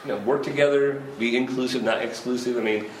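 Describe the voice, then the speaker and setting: A man's voice: medium pitch, steady tone, fast. Rambling, laughing man in his fifties. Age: 50s. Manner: rambling, laughs often, frequent restarts. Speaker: festival organizer. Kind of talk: casual interview chat. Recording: roomy echo with faint ambient noise.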